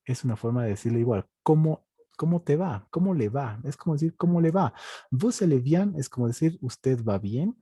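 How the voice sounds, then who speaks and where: A man teaching an online language lesson, explaining patiently and repetitively, often checking in with tag questions and slowing down to model pronunciations. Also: mid-range voice, warm tone, slightly rough, no echo. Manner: slow, drawn-out model pronunciations. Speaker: French teacher.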